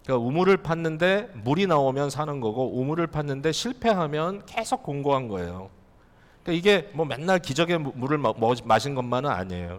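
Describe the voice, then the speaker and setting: A male pastor preaching a sermon in a conversational way, asking the congregation rhetorical questions. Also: mid-range voice. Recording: long hall reverb.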